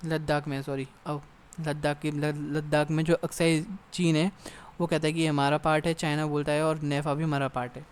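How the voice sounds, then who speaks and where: A young man teaching an exam-prep lesson, reading English text slowly and then explaining it casually with frequent check-ins. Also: on the high side, little pitch movement, a little hiss or hum. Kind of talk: exam-prep lecture in Hindi mixed with English.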